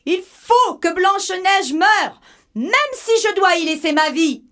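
A man playing a haughty, jealous queen from a storybook, speaking slowly in a raised, lofty voice. She sounds proud and menacing. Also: high voice, animated, darkish tone, voice pushed up. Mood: raging. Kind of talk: storybook reading.

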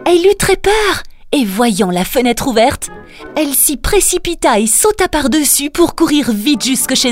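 Slow singsong woman storyteller. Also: fairly high pitch. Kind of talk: scripted fairy-tale narration. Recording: narration over soft music.

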